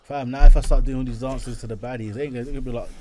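A man's voice: mid-range voice, fairly even intonation, very fast, mellow. A young man with a London accent in a casual chat among friends, laid-back and slangy. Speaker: sports talk show co-host.

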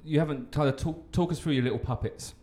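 A man's voice: on the high side, quick pace, warm tone. A man from Essex with an Estuary English accent, hosting a casual chat with teasing, sweary banter. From Essex, England. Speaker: podcast host.

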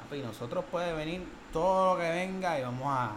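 A man's voice: a little high, a little fast, background noise. A young man with a Puerto Rican accent, joking and chiming in during a casual chat. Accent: Puerto Rican Spanish. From Puerto Rico. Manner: joking, playful, chimes in often.

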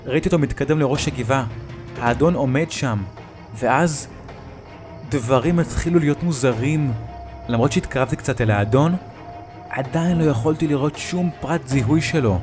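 A man telling a first-person creepy story in a tense, hushed retelling. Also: mid-range voice. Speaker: narrator. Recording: music bed behind the voice.

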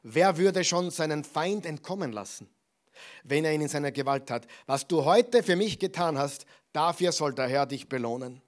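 Ein Mann, der den alten König Saul spricht, reuig und flehend. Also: male voice, on the high side, lively intonation, moderate pace, close to an everyday voice. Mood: imploring. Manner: raised, imploring. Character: old repentant King Saul, man.

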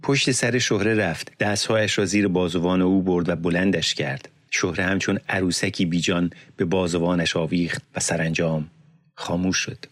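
A man narrating an audiobook in a measured, solemn reading on a close studio mic. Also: low-pitched, fairly even intonation, dry recording. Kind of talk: scripted narration.

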